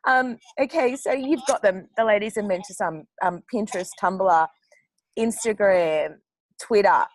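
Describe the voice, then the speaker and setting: A woman's voice: mid-range voice, measured pace, no room sound, poor audio. A woman author on a panel discussion who talks bluntly, swears freely and laughs often.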